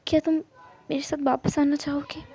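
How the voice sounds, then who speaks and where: A woman voicing a calm, tender young man who comforts his partner in a soft, reassuring way. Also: high voice, moderate pace. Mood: earnest. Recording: muffled lo-fi recording.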